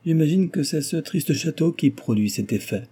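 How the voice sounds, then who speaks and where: A man's voice: on the high side, lively intonation, moderate pace, warm tone, slightly rough, pitched above the performer's own voice. A man reading aloud, voicing a frivolous, gossiping young aristocratic lady who talks flippantly and teases. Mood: flippant chatter. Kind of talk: audiobook character reading.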